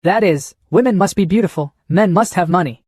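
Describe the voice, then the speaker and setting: A man's voice: high voice, a little fast, a little mellow, dry recording, pitched above the performer's own voice. A smug young security guard sneers at a visitor in a slightly raised voice, as a male narrator puts him on. The recording is dry.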